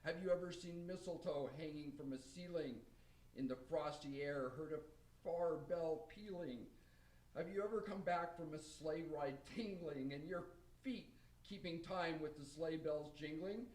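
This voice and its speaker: Man playing Santa, higher-voiced, echoey and distant. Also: measured pace, a little mellow, lightly acted. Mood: earnest, lyrical. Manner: declaiming rhymed verse, earnest. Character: Santa Claus, wise, kindly, earnest defender of Christmas. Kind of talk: amateur radio play acting. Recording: roomy echo, distant from mic.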